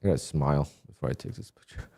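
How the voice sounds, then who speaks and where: A man chatting casually on a live stream while day trading, thinking aloud with halting restarts. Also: rumbling low, gravelly, mellow, breathy edge. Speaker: livestream day trader.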